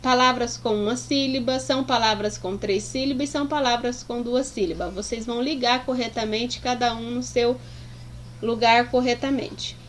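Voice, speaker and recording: A woman's voice: on the high side, steady tone, moderate pace, slight background noise. A woman teacher explaining a lesson to pupils, affectionate and sounding out words syllable by syllable. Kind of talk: slow, deliberate classroom explanation.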